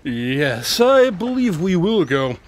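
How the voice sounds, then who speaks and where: An actor playing Holmes, a smug, unflappable and eccentric detective with a breezy, pedantic manner, in a radio drama. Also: male voice, fairly high pitch, big pitch swings, slow, full character voice. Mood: nonchalant. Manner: breezy, self-assured, pedantic.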